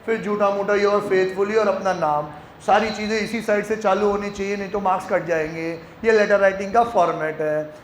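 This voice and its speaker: High-voiced guy teaching accounting to a class, gets the kids chanting answers, roomy echo. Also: normal speed, a little hiss or hum. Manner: animated, coaxing students into loud call-and-response chants. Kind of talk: classroom lecture. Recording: echoey classroom with faint ambience.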